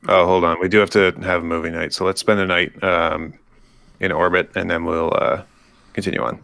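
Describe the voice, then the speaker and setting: A man's voice: low-pitched, flat delivery, brisk, creaky, sharp tone, dry recording, studio quality. A man playing in a casual tabletop role-playing session, joking and chatting with the group. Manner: playful, laughs often. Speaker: player.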